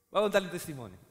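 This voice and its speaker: A man with a Colombian accent preaching a sermon as a pastor, emphatic and rising to shouts, recorded in a large church hall. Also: sits high. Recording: long hall reverb.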